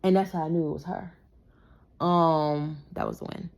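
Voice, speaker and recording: Casual low-voiced woman with vocal fry. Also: steady tone, moderate pace, darkish tone. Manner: rambling, conversational, frequent fillers. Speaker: parenting vlogger. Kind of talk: casual storytime monologue.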